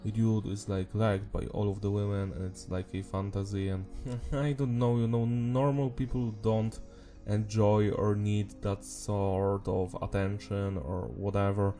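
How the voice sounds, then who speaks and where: Man, sick swollen-throat voice, soft mellow tone, casual rambling reviewer, music underneath. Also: lowish voice, little pitch movement, a little slow. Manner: informal, mild swearing. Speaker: anime review video host.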